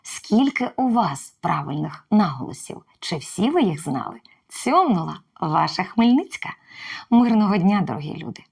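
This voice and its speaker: A woman's voice: lowish voice, big pitch swings, normal speed, creaky, darkish tone, husky. A woman giving a short, playful language lesson, quizzing the viewer with questions. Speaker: Ukrainian language teacher.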